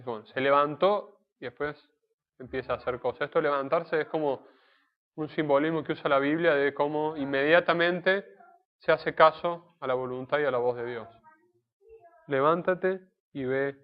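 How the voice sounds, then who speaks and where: A man giving a sermon in a conversational, explanatory way, pausing to restate his points. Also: medium pitch. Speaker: preacher. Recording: dull lo-fi recording.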